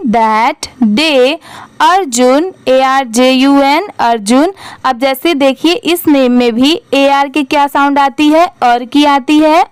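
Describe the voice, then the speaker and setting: High-voiced woman teaching slowly. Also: no echo. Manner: spells words letter by letter, then blends the parts; asks the class questions and answers them herself. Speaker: English reading teacher. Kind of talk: step-by-step spelling lesson.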